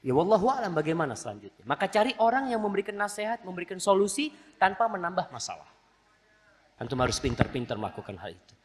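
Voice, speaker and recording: A man's voice: sits high, fast, long reverb tail. A man preaching a sermon, telling stories animatedly and acting out the voices of the people in them, mixed in. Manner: animated storytelling, acts out quoted voices. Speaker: Islamic preacher.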